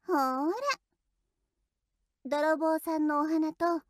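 A woman's voice: high voice, steady tone, takes it slowly, no room sound, clean studio sound. A woman voicing a teasing, playfully cruel young female shrine maiden in an audio role-play drama, speaking politely in a sing-song tone.

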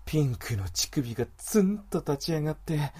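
A man voicing a domineering, mocking male wolf creature in an adult audio drama, with rough, commanding speech. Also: on the high side, big pitch swings, normal speed, mellow. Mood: leering, commanding.

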